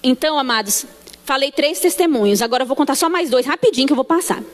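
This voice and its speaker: A woman's voice: high-pitched, expressive, fast. A woman with a Brazilian Portuguese accent gives a church testimony in a sanctuary. She tells her story with feeling and acts out the dialogue. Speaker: church member giving testimony. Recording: long church hall reverb.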